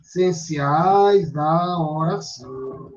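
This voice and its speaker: A Brazilian man teaching grammar in a slow, high voice, leaning on each point with tag words after nearly every phrase. He sounds set back from the microphone in an echoey room. The sound is dull and lo-fi. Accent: Brazilian Portuguese. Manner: drawn-out, emphatic delivery with frequent tag words. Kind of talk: classroom grammar lesson. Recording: roomy, distant, dull lo-fi sound.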